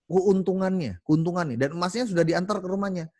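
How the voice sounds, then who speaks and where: Animated man telling stories to colleagues. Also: high voice, fairly quick, dry recording, studio quality. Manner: animated, many fillers and self-corrections. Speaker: team meeting speaker. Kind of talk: casual storytelling talk to colleagues.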